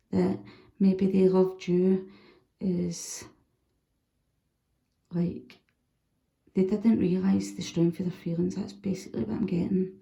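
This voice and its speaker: A woman giving a casual, chatty tarot reading, animated and swearing freely. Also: medium pitch, vocal fry, echoey room, muffled recording. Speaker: tarot reader.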